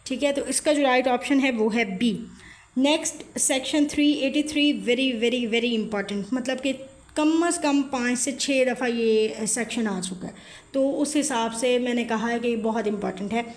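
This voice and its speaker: A woman teaches law exam revision, going through multiple-choice questions one by one and slowing down to read the English legal wording aloud. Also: a little high.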